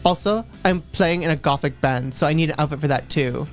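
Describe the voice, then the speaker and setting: With faint music in the background, a woman co-hosting a livestream reads fan fiction aloud with mock drama, tripping over words and tossing in asides. Her voice is deep and a little fast.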